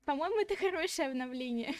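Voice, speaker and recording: A woman's voice: high-pitched, expressive, fairly quick, no echo. A woman streamer chatting casually with viewers in a cute, girlish, slightly shy and giggly anime-streamer manner. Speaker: VTuber streamer hosting a redebut stream. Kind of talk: casual livestream chat with viewers. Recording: clear background music. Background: music.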